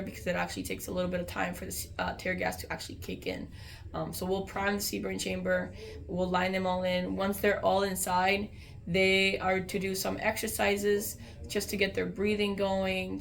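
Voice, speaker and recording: A woman's voice: mid-range voice, vocal fry. An American woman, a soldier, explaining training procedures in an informal interview.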